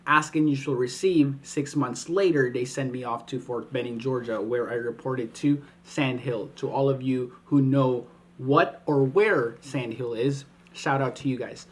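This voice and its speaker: A man in his thirties from the Philippines, an army recruiter explaining requirements point by point in a clear, methodical way. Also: medium pitch, measured pace. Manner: clear, methodical, list-by-list delivery. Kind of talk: informational video explainer.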